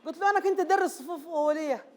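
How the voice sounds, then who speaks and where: An actor playing a high-voiced, anxious people-pleaser. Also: racing, darkish tone. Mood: exasperated storytelling. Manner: pleading, repeats himself, nervous laughter. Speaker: stage actor. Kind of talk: theater monologue.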